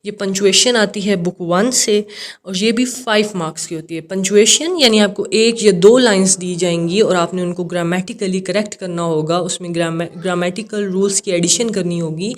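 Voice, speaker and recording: A young woman English teacher with a Pakistani accent, walking students through an exam paper and checking in often to be sure they follow. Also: medium pitch. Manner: mixes English terms into Urdu, frequent "theek hai" check-ins.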